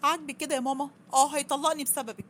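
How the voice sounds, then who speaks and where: A woman's voice: fairly high pitch, quick pace, slight background noise, lightly acted. A woman with an Egyptian accent voicing a young wife who pleads, in a storybook reading. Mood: upset. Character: young Egyptian wife, upset then remorseful.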